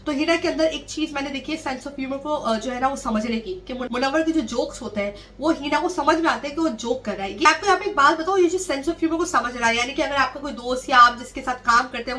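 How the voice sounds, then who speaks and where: A woman vlogger giving casual opinion commentary on celebrity news, talking quickly and chattily with many fillers and slipping English phrases into her Hindi. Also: sits high, bright, forceful tone, distant mic.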